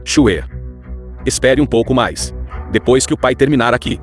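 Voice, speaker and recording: Casting: homem dublando pai nobre autoritário e frio, falas curtas, drama de época dublado. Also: male voice, medium pitch, expressive, moderate pace, faint music behind, lightly acted. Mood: urgent. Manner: curt, commanding. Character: stern noble marquis father, dismissive. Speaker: dubbing actor.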